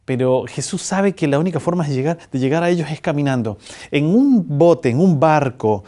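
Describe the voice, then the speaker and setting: Pastor guy preaching, warm voice, lots of questions at the crowd, playful. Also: a little high, moderate pace. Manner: animated preaching, rhetorical questions, teases the congregation. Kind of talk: sermon.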